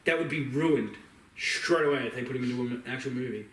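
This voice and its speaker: A man co-hosting a podcast banters about video games and films in a slangy, opinionated, joking style. His mid-range voice runs a little fast and sounds a bit bright, and the recording carries roomy echo from a distant microphone.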